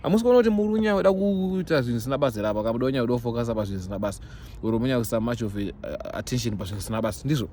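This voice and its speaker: A man's voice: medium pitch, rapid-fire, dark tone. A young man with a Zimbabwean accent, chatting casually to his followers as a vlogger in an emphatic, repetitive way, mixing in English phrases. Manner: emphatic, repeats himself for stress. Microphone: phone. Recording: noisy background ambience, phone recording.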